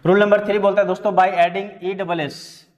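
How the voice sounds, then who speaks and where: Male grammar teacher, higher voice, long hall echo. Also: little pitch movement, normal speed. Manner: addresses viewers as friends, spells words letter by letter. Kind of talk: classroom-style lesson explanation.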